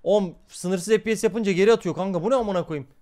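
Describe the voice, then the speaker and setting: A man's voice: high-pitched, fast talker, mellow. A young man streaming a game live, swearing constantly and talking to his chat. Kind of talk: live gameplay commentary.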